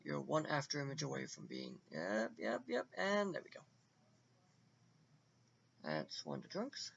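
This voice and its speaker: A man giving casual, excitable and rambling commentary on a computer game fight, on a dull lo-fi recording with faint hiss. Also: medium pitch, unhurried, vocal fry. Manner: excitable and rambling, with many restarts.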